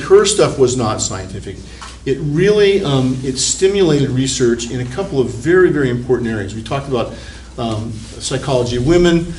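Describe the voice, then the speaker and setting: Man lecturing in an echoey classroom. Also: medium pitch. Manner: rambling, conversational, with restarts and repeated words. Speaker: university psychology professor. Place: university classroom. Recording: echoey classroom, recorded from a distance, faint room hiss.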